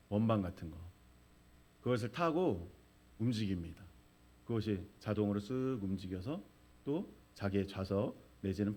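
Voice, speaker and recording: A man's voice: mid-range voice, darkish tone. A middle-aged male pastor preaching a sermon, telling a vivid story and acting out the crowd's cries.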